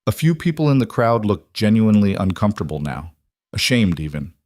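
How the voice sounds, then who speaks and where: A man narrating a dramatic frontier story in a measured storytelling manner. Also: fairly low pitch, very animated, darkish tone, no echo, clean studio sound.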